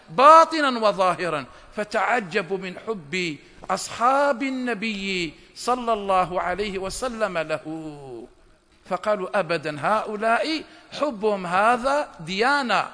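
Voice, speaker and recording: A man delivering an impassioned sermon in a very high, piercingly bright voice. He surges into shouts at his key lines and stumbles through restarts and repeated phrases. His voice rings out with a long reverb off a hall. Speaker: preacher. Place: lecture hall.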